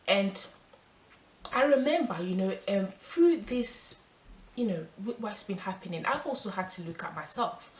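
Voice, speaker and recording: A woman from France, animated yet a little slow, speaks in a medium pitch as a vlogger talking earnestly to camera. She reads out statistics and then speaks freely, emphatic throughout and restarting when improvising. Expect roomy sound with a faint hum of background noise.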